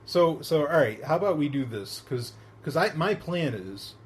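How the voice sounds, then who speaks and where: A man's voice: a little high, very animated, normal speed, a little hiss or hum. A man hosting a podcast in casual chat, rambling with many fillers and restarts and laughing often. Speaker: podcast host.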